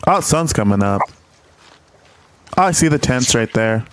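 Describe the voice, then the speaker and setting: A man's voice: mid-range voice, expressive, measured pace, fairly bright tone. A man in casual gaming voice chat, giving short replies and narrating what he does in the game. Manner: laid-back, short acknowledgements and running commentary on his moves. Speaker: gamer playing co-op.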